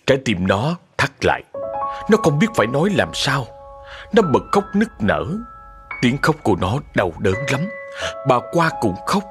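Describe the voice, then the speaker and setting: A man narrating a scripted ghost story in a calm, expressive way. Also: medium pitch, moderate pace, music in the background.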